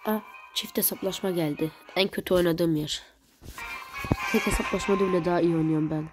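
An excitable woman talks viewers through a mobile game match from home. Her commentary is casual and chatty, and she reacts loudly to every twist. Game music plays clearly behind her the whole time. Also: fairly low pitch, fairly quick. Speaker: gaming channel host.

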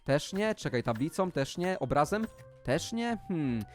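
Excitable man narrating his game. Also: unhurried, faint music behind. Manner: excitable, often jumps to loud high exclamations. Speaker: gaming video host. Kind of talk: excited gaming commentary.

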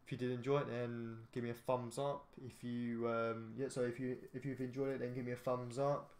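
A man's voice: medium pitch, little pitch movement, brisk, a little mellow. A tired man giving rambling, hesitant commentary while playing a driving game, often restarting his sentences. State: tired, yawning. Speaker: gaming YouTuber. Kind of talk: casual gameplay commentary. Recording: echoey room with faint background noise.

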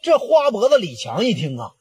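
Male storyteller, Northeastern Chinese accent, chatty and animated, husky edge. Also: sits high, moderate pace. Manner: lively, chatty, dialect-heavy. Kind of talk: oral storytelling of gangland tales.

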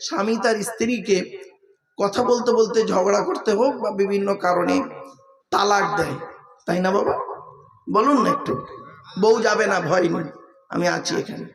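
High-voiced preacher quizzing his crowd. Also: vocal fry. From West Bengal, India. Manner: asks the audience questions and drills answers. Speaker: Islamic preacher. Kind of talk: waz sermon to a gathering. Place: large religious gathering. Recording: echoey public-address sound at a gathering.

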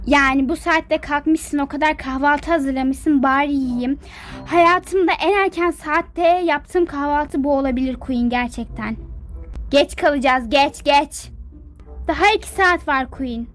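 A woman's voice: high-pitched, unhurried, fairly bright tone, faint music behind, voice pushed down. A woman voicing Sanfi, a sleepy and grumpy young woman friend in a game role-play, who grumbles and complains in a drowsy, baffled way.

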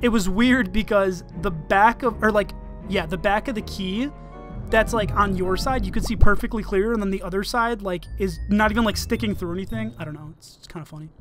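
A laid-back let's-play host rambles through casual gameplay commentary, trailing off into fillers and cursing along the way. The voice is mid-pitched and easygoing. Faint game music runs beneath. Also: brisk.

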